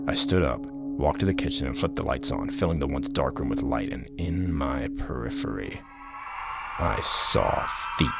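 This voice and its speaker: Man, extremely low haunting voice, heavy vocal fry, horror story narration, clear music underneath. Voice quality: deep, gravelly. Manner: low, haunting delivery, at times breathy near-whisper. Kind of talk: scripted scary story narration.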